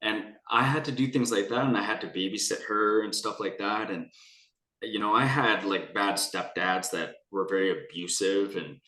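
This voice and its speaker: A man's voice: fairly low pitch, normal speed, sharp tone. A young man from Canada telling his personal story in a candid conversation, rambling and earnest with many restarts. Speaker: guest. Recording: echoey room.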